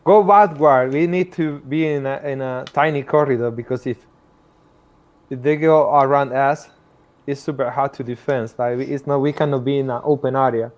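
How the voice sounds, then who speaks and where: A man's voice: mid-range voice, fairly even intonation, normal speed, close to an everyday voice. A man voicing a soldier who barks urgent battle orders at his squad. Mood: urgent commanding. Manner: urgent, commanding shouts.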